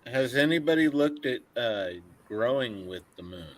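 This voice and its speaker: A man on a group call, telling things slowly and haltingly with many pauses. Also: mid-range voice, expressive. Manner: slow, halting storyteller with many "uh"s. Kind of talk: casual group chat.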